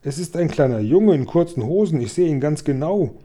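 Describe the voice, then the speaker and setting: A man's voice: a little high, lively intonation, a little fast, dark tone, voice pushed up. A man voicing a blustering, befuddled ship captain in a storybook read-aloud, exclaiming and stumbling over his words. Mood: excited.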